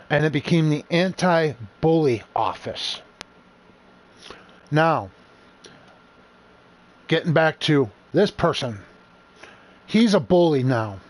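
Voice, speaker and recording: A young man recounts a story in a loose, rambling monologue. His voice sits a little high for a man, and he slips into the voices of the people in his tale as he goes. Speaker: channel host telling a personal story.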